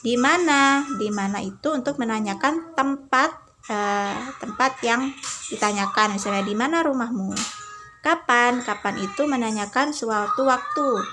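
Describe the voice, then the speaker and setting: A woman religious teacher giving a lesson to children, explaining gently and patiently with many "nah" and "eh" fillers. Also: on the high side, a little slow, over music.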